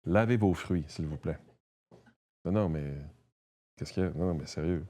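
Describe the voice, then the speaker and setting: Low-voiced Québécois man, rambling. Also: moderate pace, warm tone. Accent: Québécois French. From Quebec. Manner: rambling, restarts, frequent "tu sais", swears casually. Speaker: guest. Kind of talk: casual conversation.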